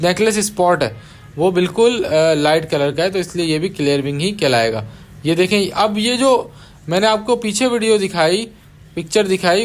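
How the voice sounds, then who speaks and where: A man teaching budgie breeding in a patient voice-over, repeating key terms and dropping casual asides to his viewers. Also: high-pitched. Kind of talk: explanatory voice-over over bird footage.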